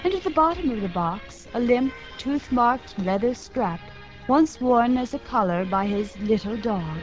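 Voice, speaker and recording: A fairly high-voiced woman narrates a children's story gently and expressively. It sounds muffled and lo-fi, like an old broadcast disc, with faint music in the background. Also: expressive, a little slow. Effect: old broadcast disc recording. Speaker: storyteller and show host. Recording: dull lo-fi 1950s radio transcription with music.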